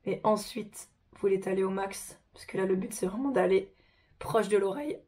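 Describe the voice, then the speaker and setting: A woman hosting a casual makeup tutorial, chatty and informal, her voice hoarse from a sore throat. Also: mid-range voice, normal speed, a little mellow.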